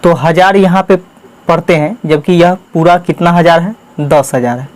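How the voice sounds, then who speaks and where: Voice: medium pitch, moderate pace, a little mellow. A teacher hosting a channel, giving a step-by-step maths lesson for children, patiently repeating and counting out each term one at a time.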